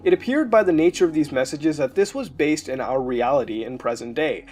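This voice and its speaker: A man's voice: a little high, expressive, a little fast, a little mellow, slight background noise. A man casually narrating a creepy internet story for a video, with the occasional filler as he goes. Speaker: YouTube narrator.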